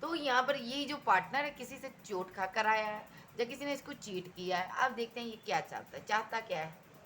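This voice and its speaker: A woman's voice: on the high side, animated, a little fast, fairly bright tone, a little hiss or hum. A woman giving a tarot reading, talking emphatically and repeating herself as she addresses the viewer directly. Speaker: tarot reader.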